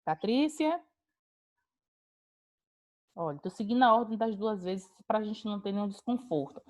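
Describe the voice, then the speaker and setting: A woman's voice: mid-range voice, expressive, moderate pace. A woman teaching an online class, calling on students by name and praising their answers. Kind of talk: online class on a video call.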